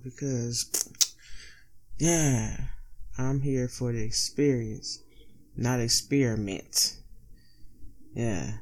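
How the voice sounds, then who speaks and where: Stoned, slangy male podcast host. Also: medium pitch. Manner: slangy, heavy swearing. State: stoned, sluggish from being high. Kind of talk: casual solo podcast monologue.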